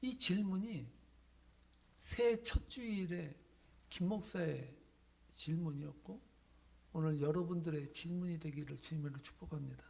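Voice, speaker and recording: A man pastor delivers a sermon with dramatic storytelling, swinging between loud bursts and breathy whispers. His voice sits high for a man. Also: normal speed, long pauses.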